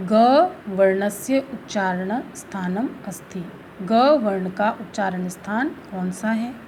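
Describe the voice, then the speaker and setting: Slow, gravelly woman teacher. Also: medium pitch, a little mellow, a little hiss or hum, rough recording. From India. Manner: slow, careful explanation, reads Sanskrit then explains in Hindi. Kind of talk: school lesson.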